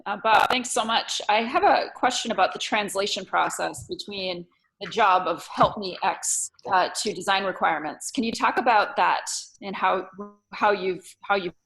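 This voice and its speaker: A woman's voice: medium pitch, normal speed, gravelly, fairly bright tone, poor audio. A woman attendee politely asking a question on a webinar. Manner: polite, inquiring.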